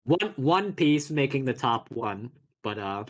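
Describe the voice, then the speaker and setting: A man doing relaxed commentary on a video game tournament stream, often restarting his sentences. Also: mid-range voice, rough recording. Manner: relaxed, halting, many restarts. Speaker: esports commentator.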